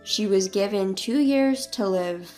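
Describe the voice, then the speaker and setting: A woman in her twenties telling her own story as scripted first-person narration in an even, measured way. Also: medium pitch. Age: 20s. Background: faint music.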